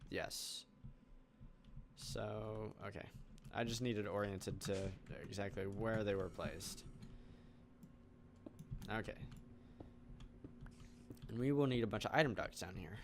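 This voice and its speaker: A man's voice: fairly low pitch, takes it slowly, long pauses, noisy background. A man hosting a game channel, thinking aloud in casual let's play commentary as he builds. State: hiccuping. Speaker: gaming channel host.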